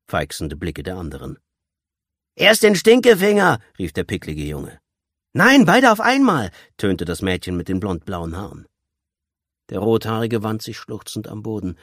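Low-voiced male audiobook narrator. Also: slightly rough, no room sound, clean studio sound. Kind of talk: scripted narration.

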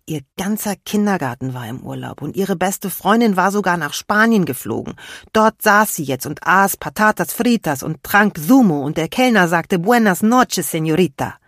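A woman with a low, slightly husky voice reads a children's story aloud with lively expression. The sound is close and dry. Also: normal speed, no echo.

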